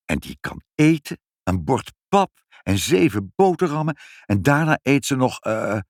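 A man voicing a fussy elderly male civil servant, a grandfather who talks gruffly and gets muddled, in a storybook reading. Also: medium pitch, very animated, unhurried, no echo, studio quality. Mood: doting. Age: older. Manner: gruff, then doting and muddled.

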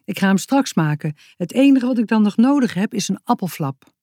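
A woman's voice: medium pitch, lively intonation, fairly quick, warm tone, no echo, studio quality, voice pushed up. A woman voicing an earnest, inventive young boy who explains his plans in a storybook reading.

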